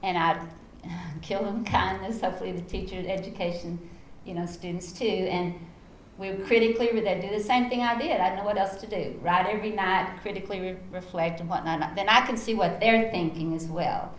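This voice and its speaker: With a medium-pitched voice and a fairly quick pace, a middle-aged Texan woman tells lively teaching stories at a panel, acting out what she once said. It's recorded in an echoey conference room with faint background noise.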